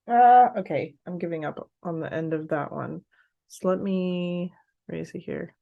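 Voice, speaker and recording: A woman's voice: on the low side, a little slow, creaky, no echo, phone-quality sound. A woman who is a native English speaker, casually studying a language aloud, talking to herself and repeating syllables as she sounds them out. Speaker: language learner hosting a practice session.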